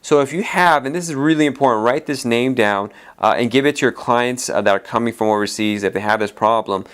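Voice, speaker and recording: A man's voice: mid-range voice, a little fast, a bit bright, clear, resonant tone. A man who is an immigration attorney, hosting a solo podcast in a casual, rambling way with many fillers and restarts, his voice tired from a long day of talking.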